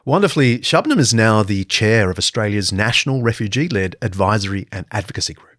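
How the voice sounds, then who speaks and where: A man hosting the show, reading a scripted introduction and asking interview questions in a measured, earnest way. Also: lowish voice, expressive, fairly bright tone, no echo, clean studio sound. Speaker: host.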